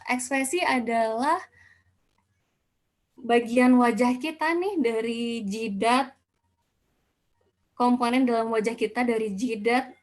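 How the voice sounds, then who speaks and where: Chatty young woman teaching public speaking. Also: a little high. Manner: casual teaching tone, mixes English phrases, many fillers. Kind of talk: online workshop talk. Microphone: video call.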